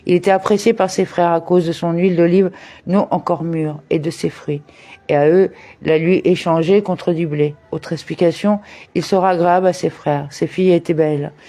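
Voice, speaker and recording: Mellow man reading a religious commentary. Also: a little high, fairly even intonation. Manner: measured reading, with Hebrew terms and verse references. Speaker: reader of a daily study text.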